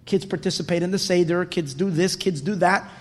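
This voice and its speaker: A man's voice: sits high, fairly even intonation, a little fast. A man giving an unscripted lecture as a rabbi, emphatic, repeating phrases and answering his own questions. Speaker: rabbi teaching a Torah class. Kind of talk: religious lecture, teaching unscripted. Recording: reverberant hall.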